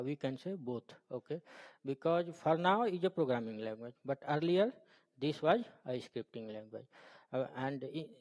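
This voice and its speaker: A man with an Indian accent teaches in an informal tutorial style. His voice is soft-edged and mellow, and he speaks haltingly, circling back over phrases and tagging them with "okay?". The recording has a long, boomy room reverb. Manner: halting, repetitive, often checking with "okay?". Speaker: programming tutor.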